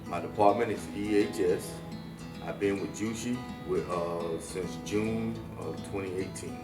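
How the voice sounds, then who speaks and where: A man's voice: deep voice, unhurried. A man from South Carolina, briefly introducing himself in an employee interview. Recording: roomy, distant mic, music behind.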